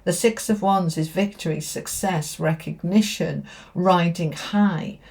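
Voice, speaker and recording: A woman with a low-pitched voice reads tarot for her viewers. She talks directly to the listener in an emphatic, affirming manner, often repeating phrases for weight. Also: measured pace, gravelly, a little mellow. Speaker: tarot reader. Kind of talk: spoken tarot reading to viewers.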